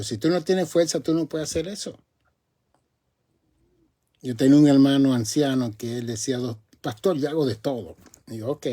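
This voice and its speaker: A male pastor delivers a sermon in a mellow, warm voice. He swells to emphatic high points, then slows to draw out his key words. His pitch sits in the middle for a man. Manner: preaching with emphatic rises and drawn-out words.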